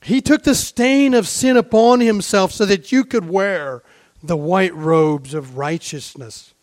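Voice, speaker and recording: A man preaching a sermon with fervour, posing rhetorical questions and moving between hushed and raised delivery. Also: high voice, slow, dry recording, clean studio sound.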